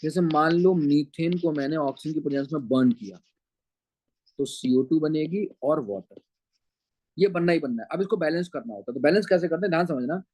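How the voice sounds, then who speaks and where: A man's voice: a little high, brisk, a little mellow, dry recording, poor audio. A man teaching chemistry in an online lecture, with a Punjabi-flavoured Hindi accent. He calls his students beta and keeps asking whether they follow. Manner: addresses students as beta, keeps checking understanding.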